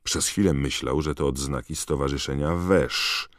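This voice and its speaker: A male audiobook narrator with an extremely deep, low voice. He reads the story in a measured, even storytelling manner, recorded close and dry with no room sound. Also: no echo. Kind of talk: scripted narration.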